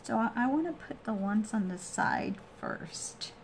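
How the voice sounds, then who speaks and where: Slow, halting woman giving a craft tutorial. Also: a little high, animated, vocal fry, slight background noise. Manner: halting, trailing off and restating steps. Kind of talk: casual hands-on tutorial, explaining each step.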